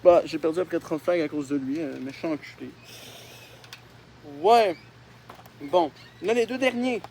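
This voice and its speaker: A man's voice: fairly high pitch, unhurried, creaky, darkish tone, a little hiss or hum. A young man with a Québécois accent, making mocking, self-deprecating commentary on his old drawings and swearing often. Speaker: YouTuber. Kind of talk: casual commentary on childhood drawings.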